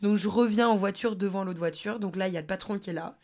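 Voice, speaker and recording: A woman's voice: mid-range voice, fast talker, a little mellow. A young adult woman hosting a podcast, telling personal anecdotes in a casual, slangy way with lots of fillers. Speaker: podcast host.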